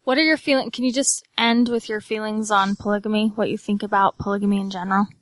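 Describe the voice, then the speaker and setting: A woman's voice: mid-range voice, steady tone, quick pace, dry recording. A woman with a Utah accent hosting a podcast interview in a casual, conversational way.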